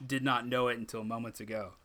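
A man's voice: medium pitch, little pitch movement, quick pace, a bit bright. A man guesting on a podcast over a video call, chatting casually in a joking, self-deprecating way. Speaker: podcast guest, film editor.

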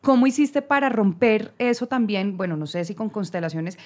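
A woman hosting a podcast, speaking at an ordinary middle pitch for a woman. She talks in an engaged, conversational way and keeps affirming her guest as she reflects aloud. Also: moderate pace. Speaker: podcast host. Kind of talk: casual interview.

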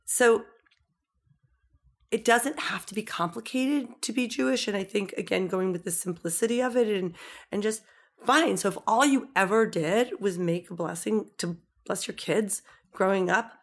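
A woman's voice: medium pitch, normal speed. A middle-aged woman in easy, casual conversation as a guest. She tells stories with lots of "like" fillers and slips into the voices of the people she quotes. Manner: animated storyteller, acts out quoted voices, many "like" fillers.

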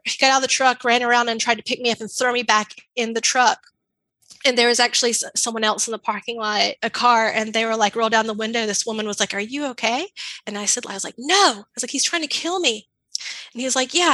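Bright, candid woman telling her story. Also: a little high, no room sound, rough recording. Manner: candid, fast-flowing storytelling with frequent "I was like". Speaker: interview guest. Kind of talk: personal story in a podcast interview.

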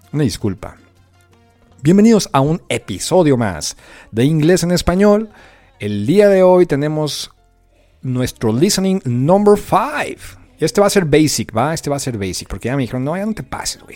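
A man's voice: a little high, mellow. A man with a Mexican accent hosting a casual English lesson podcast, playful and full of slang and joking asides. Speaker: English teacher and podcast host.

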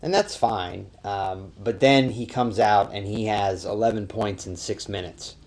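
Low-voiced man in casual sports chat. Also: unhurried, a little mellow. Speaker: podcast guest, sports writer.

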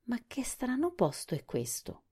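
A woman voicing a meek, newly living male wooden sawhorse in a storybook, asking puzzled questions in a raised, husky voice. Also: medium pitch, lively intonation, a little fast, dark tone, pitched above the performer's own voice. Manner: surprised, innocent questioning.

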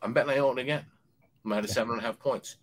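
A man who bets on sports, telling a long profane story in a loud rant and acting out other people's lines. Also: mid-range voice, fast talker. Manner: loud, swears constantly, acts out other voices. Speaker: sports betting handicapper guest.

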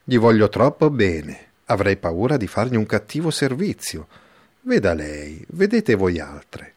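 A man's voice: on the low side, big pitch swings, measured pace, darkish tone, slightly rough, heavily acted. A man reading the part of a timid, fretful older village priest, talking in fussy, rambling bursts. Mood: cautious. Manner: fussy, rambling, emphatic exclamations. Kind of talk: audiobook character reading.

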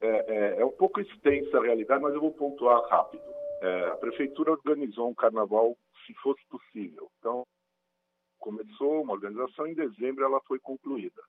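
A man's voice: mid-range voice, expressive, a little fast, slight background noise. A man calling in to a radio interview as a guest spokesman, on a glitching line that keeps cutting out, explaining at length with many "é" and "né" tags. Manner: long explanations full of "é" and "né" tags. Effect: glitching audio, the call keeps cutting out. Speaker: guest spokesman for a carnival bloc collective. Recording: tinny phone line breaking up.

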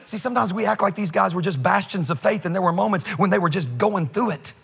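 A middle-aged man, a pastor, preaching a sermon with humor and lively asides. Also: high voice, fast, vocal fry, breathy edge, long reverb tail, soft background music.

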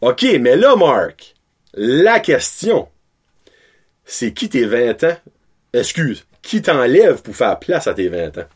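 Animated man talking hockey. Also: medium pitch, slow, slightly rough. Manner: lively, mixes English words into French. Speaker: podcast co-host. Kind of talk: casual hockey chat.

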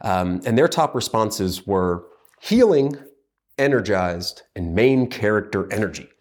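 A man with a fairly low voice co-hosts a podcast. He talks through material in a casual, analytical way, with thoughtful pauses and plenty of fillers. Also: big pitch swings. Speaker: podcast co-host.

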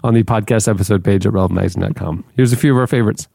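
A man co-hosting a podcast in casual banter, laughing easily and tossing in quick interjections. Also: fairly low pitch, vocal fry, warm tone, husky, no room sound. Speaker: podcast co-host.

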